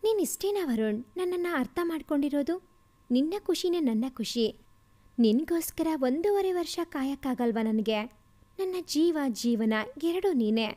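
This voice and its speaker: A woman's voice: sits high, lively intonation, moderate pace, warm tone. A woman reading aloud and voicing a devoted, chatty young woman in a storybook love tale. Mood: heartfelt. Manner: earnest, heartfelt.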